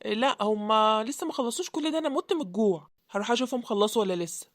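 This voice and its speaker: A woman with an Egyptian accent voicing an easygoing young brother-in-law in an animated story, friendly and reassuring. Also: on the high side, racing, natural voice. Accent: Egyptian Arabic.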